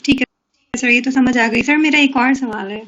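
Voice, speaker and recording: Woman student, polite, attentive, high voice, dull lo-fi sound. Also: a bit bright. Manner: attentive, polite, frequent short acknowledgements. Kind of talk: asking questions in a lesson. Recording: dull lo-fi recording.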